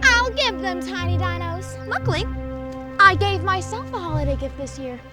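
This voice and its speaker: A woman's voice: extremely high pitch, expressive, moderate pace. A woman playing a gleeful, scheming girl gadget villain in a children's adventure skit, gloating theatrically. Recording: loud music behind the voice. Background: music.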